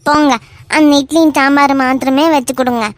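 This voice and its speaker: A woman voicing a fussing middle-aged mother in an animated cartoon, nagging, with a Kanyakumari Tamil accent. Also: high voice, a little fast, dry recording, lightly acted. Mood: scolding.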